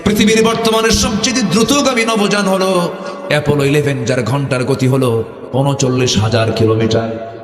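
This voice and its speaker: Booming preacher in an echoey hall. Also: male voice. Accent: North Bengal (Bogura) Bengali. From Bogura, Bangladesh. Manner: call-and-response, prompts the crowd to chant back; swings between loud exhortation and low asides. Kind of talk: Islamic sermon (waz) to a live crowd. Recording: echoey hall with long reverb.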